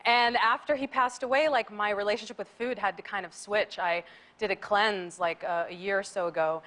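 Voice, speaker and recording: A woman's voice: medium pitch, steady tone, moderate pace, fairly bright tone. A woman in her thirties, from Mexico and raised in San Diego, talking earnestly as a guest on a TV studio talk show, with plenty of fillers. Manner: earnest and chatty, many fillers. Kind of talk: casual talk-show chat. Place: television studio set.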